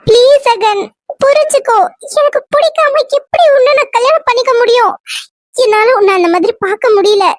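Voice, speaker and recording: A woman voicing a young woman who softly and sadly turns down a suitor in a cartoon serial. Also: very high voice, moderate pace, dry recording, clean studio sound. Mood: pleading.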